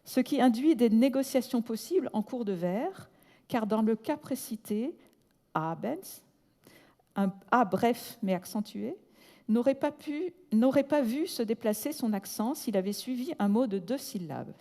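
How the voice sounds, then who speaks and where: A woman reading a prepared academic lecture at a measured, deliberate pace, slowing down to spell out technical terms. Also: a little high, lively intonation, mellow. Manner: breaks off with brief asides in English. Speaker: conference speaker. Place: large lecture hall. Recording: long hall reverb.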